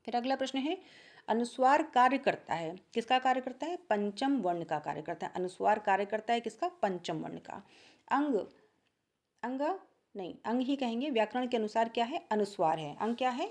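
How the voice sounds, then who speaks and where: A woman teaching a Hindi grammar exam-prep lesson. She asks each question, then answers it lower and softer, and repeats key points to check understanding. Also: animated, normal speed.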